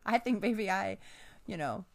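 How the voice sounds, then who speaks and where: A woman's voice: medium pitch, expressive, a little slow, creaky. A middle-aged woman co-host in casual conversation, often affirming the other speaker. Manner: warmly affirming, frequent agreement sounds.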